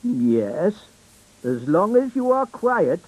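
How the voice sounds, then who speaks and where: A man's voice: high voice, big pitch swings, takes it slowly, husky, no room sound, heavily acted, poor audio. A man voicing a pompous, stuffy old elf teacher in a children's cartoon, pedantic, with a British accent. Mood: measured, schoolmasterly. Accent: British English. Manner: pompous, pedantic, hesitant hums.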